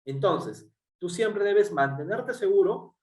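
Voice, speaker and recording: Speaking slowly in a high, expressive voice, this Peruvian Spanish-accented man lectures at a workshop. He breaks things down step by step, often adding fillers and tag questions. Captured from afar, the audio has a roomy quality.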